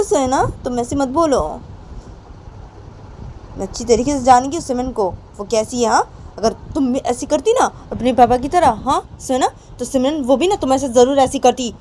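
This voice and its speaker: A woman's voice: high-pitched, darkish tone, slight background noise, natural voice. A woman voicing a stern, angry mother who scolds her daughter, repeating her questions.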